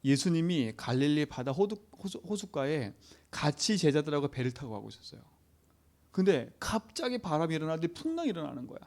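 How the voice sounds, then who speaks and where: A man's voice: a little high, big pitch swings, a little fast, darkish tone. A man preaching a sermon to a youth service, emphatic, who keeps asking the congregation short questions for agreement. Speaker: pastor.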